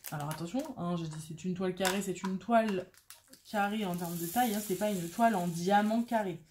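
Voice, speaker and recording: A woman's voice: medium pitch, brisk, darkish tone, a little hiss or hum. A woman chatting casually and mocking herself while she works on a craft, thinking aloud as she goes. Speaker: craft vlogger.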